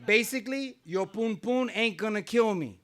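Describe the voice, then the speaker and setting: Speaking at a moderate pace in a high-pitched voice, a middle-aged New Jersey man tells a wry personal story on stage at a small venue. His tone is conversational, and he often laughs while he talks.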